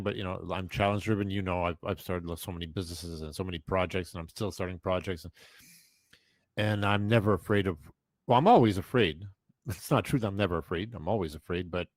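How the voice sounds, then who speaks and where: Emphatic low-voiced man, dry sound. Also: dry recording. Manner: rambling and emphatic, many restarts. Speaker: podcast host. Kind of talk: casual chat.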